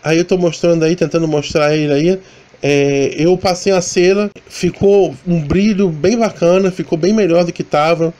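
High-voiced chatty Rio motovlogger. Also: male voice, fairly even intonation, normal speed, warm tone. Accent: Rio de Janeiro Portuguese. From Brazil. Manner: rambling, chatty, many restarts and fillers. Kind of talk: casual voice-over narration. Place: voice-over, not recorded on the ride.

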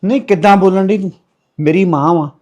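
A man playing a young husband trying to calm his wife. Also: high-pitched, a little fast, highs cut off, natural voice. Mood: placating. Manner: pleading, placating. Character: young husband who sides with his mother. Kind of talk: web drama acting.

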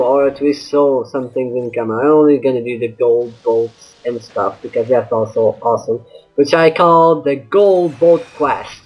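A man's voice: medium pitch, slightly rough, dull audio. A man giving casual, bantering gameplay commentary as a let's-play host, sometimes mock-exasperated. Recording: game music behind. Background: video game music.

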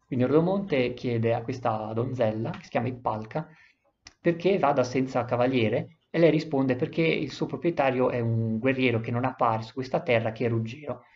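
A man's voice: medium pitch, normal speed, dull audio. A man explaining and reading aloud an epic poem, with frequent hesitations and self-corrections. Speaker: literature presenter.

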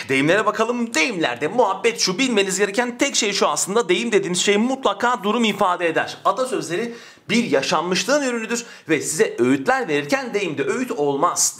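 A man's voice: sits high, bright, forceful tone. A man teaching an exam-prep language lesson, joking and chatting with his students as friends.

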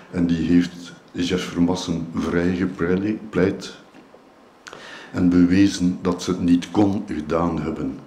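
A man's voice: low-pitched, a little mellow, reverberant, a little hiss or hum. A man in his seventies with a Flemish accent, giving a hesitant acceptance speech full of fillers. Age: 70s. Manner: hesitant, shy, many fillers. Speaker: award recipient. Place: event hall.

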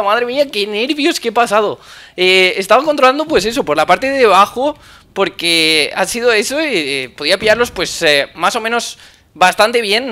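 Excitable high-voiced Spanish gamer. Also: male voice. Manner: excitable, repeats words in bursts. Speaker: gaming YouTuber. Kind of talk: live gameplay commentary.

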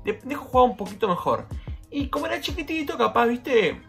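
A man's voice: quick pace, creaky, soft background music. A man in his twenties with a Rioplatense Argentine accent tells a personal anecdote at home in a casual, slangy vlog. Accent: Rioplatense Argentine Spanish. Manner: animated, slangy, jumps in pitch when telling the story. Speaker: vlogger.

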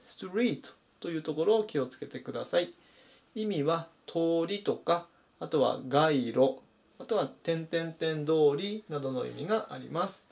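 A man's voice: on the high side, darkish tone. A man teaching English vocabulary to Japanese learners, methodically explaining meanings and pointing out pronunciation.

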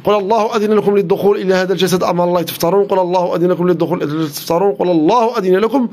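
A man's voice: high-pitched, very fast, darkish tone. A man with a Moroccan Arabic accent, working as a healer and reciting a long healing incantation in a rhythmic, repetitive chant. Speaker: Islamic healer.

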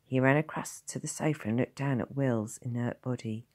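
A woman's voice: very deep voice, moderate pace, darkish tone. A woman teacher reading a novel aloud, narrating expressively and voicing each character. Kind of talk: storybook narration.

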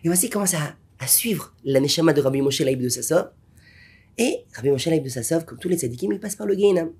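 Animated, husky-voiced rabbi telling stories. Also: male voice, a little high, fast talker. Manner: animated storyteller, drops to whispers and rises to exclamations. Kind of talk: Torah lesson with storytelling.

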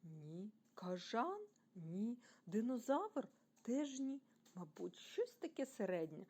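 A woman from Ukraine reading a children's bedtime story aloud, expressive and animated, speaking directly to young listeners. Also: fairly high pitch, takes it slowly, breathy edge.

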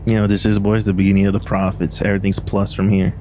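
A man chatting casually with friends while gaming, laughing constantly and getting excited. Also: low-pitched, fast talker, a little hiss or hum. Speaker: gamer. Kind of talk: casual gaming banter over voice chat.

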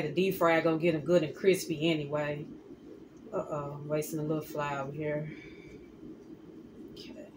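Woman, 30s, casual cooking vlog, steady even tone, noisy kitchen phone recording. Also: low-pitched. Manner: relaxed, chatty, addresses viewers as y'all. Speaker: cooking vlogger. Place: home kitchen. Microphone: phone camera held close or set on counter.

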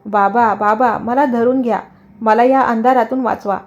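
A woman's voice: fairly high pitch, fairly even intonation, unhurried, a little mellow, muffled recording, close to an everyday voice. Woman voicing a terrified dead man's soul pleading. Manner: pleading, crying out.

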